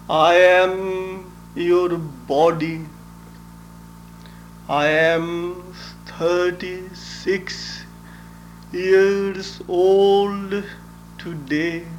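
A man speaking as a spiritual teacher, delivering a solemn, measured devotional message. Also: high voice. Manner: solemn, measured, deliberate recitation.

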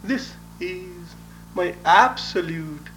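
A man speaking as a spiritual teacher, delivering a solemn, measured devotional message. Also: sits high, very animated, sharp tone, a little hiss or hum. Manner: solemn, measured, deliberate recitation.

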